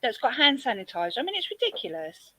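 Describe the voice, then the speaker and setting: A woman's voice: fairly high pitch, very animated, fast talker, background noise. A woman with a South London accent in casual group chat, chatty and blunt. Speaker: chat participant.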